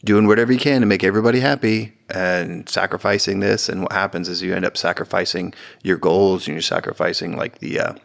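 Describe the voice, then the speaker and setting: A man in his forties, a kids' coach and gym owner, talking in a measured, firm way as an interview guest. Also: low voice, steady tone, vocal fry. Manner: measured and firm, agreeing with short affirmations. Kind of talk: casual interview talk.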